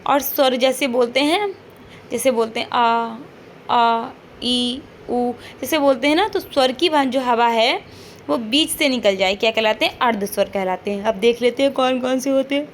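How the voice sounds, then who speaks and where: A woman's voice: a little high, normal speed, slight background noise. Patient woman teacher modeling sounds aloud. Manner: checks in with frequent rhetorical questions. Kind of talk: online classroom lesson.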